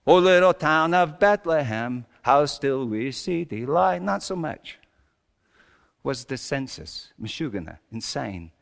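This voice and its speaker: Male performer as wry, exasperated old-world carpenter, comic stage monologue, unhurried and very animated, big reverberant hall. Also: medium pitch, gravelly, exaggerated voice. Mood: wry storytelling. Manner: theatrical, swinging between hushed asides and shouted exclamations. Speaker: storyteller preaching in character. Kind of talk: comic dramatic monologue to a congregation.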